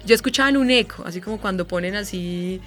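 A woman in her thirties with a Colombian accent, a radio host telling a personal story in an interview, animated and vivid. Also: medium pitch, fast talker, faint music behind. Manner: animated storyteller, imitates sounds and voices.

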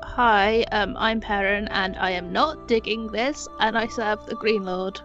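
A woman playing a tabletop role-play game, talking casually in character with a flippant deadpan. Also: mid-range voice, a little slow. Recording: dull lo-fi sound, music behind.

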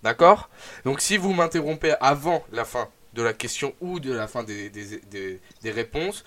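A young man hosting a live radio show, announcing segments and running a quiz in a lively, animated way with fillers. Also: mid-range voice, moderate pace.

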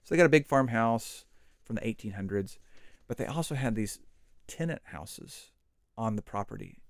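A middle-aged man hosting a podcast, talking in a relaxed, chatty way with fillers and side stories during a Bible study conversation. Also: mid-range voice, moderate pace, dry recording, clean studio sound. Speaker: podcast host.

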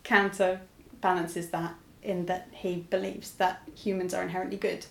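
This woman, a novelist guest, keeps the conversation casual, laughing frequently at her own expense. She speaks at a moderate pace in a lowish, level voice with vocal fry, and the recording sounds roomy.

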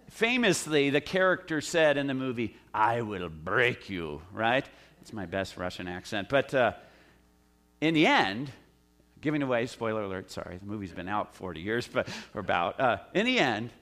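A man's voice: medium pitch, fairly bright tone. A middle-aged man from the United States, a pastor giving a sermon in a conversational way, with asides and frequent "uh" fillers.

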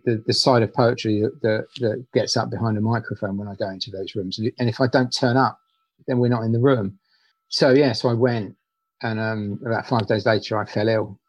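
Man, poet guest, interview, husky, hesitant, restarts often, slightly dull lo-fi audio. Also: lowish voice, dry recording. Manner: hesitant, many restarts and repeated words. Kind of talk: conversational interview.

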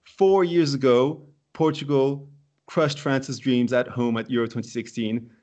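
A man hosting a casual football podcast, playful and quick to laugh. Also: mid-range voice, fairly even intonation, warm tone, lo-fi sound. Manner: playful, laughs often, drawn-out exclamations. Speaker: podcast host.

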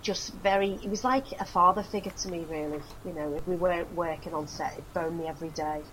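The guest, a middle-aged actress, talks briskly in a low voice while reminiscing in a casual interview chat, laughing frequently and using fillers. The background is noisy.

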